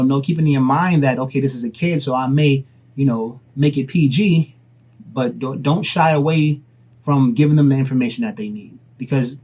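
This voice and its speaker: A man's voice: medium pitch, mellow. A young adult man, a father and vlogger, giving casual advice in an earnest, rambling way. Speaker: dad vlogger and entrepreneur.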